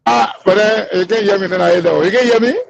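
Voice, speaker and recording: Over a noisy crowd and through a muffled, breaking-up conference call line, a man with a high voice and vocal fry talks quickly. As a panelist in a casual call-in talk show, he presses his points insistently and keeps repeating himself.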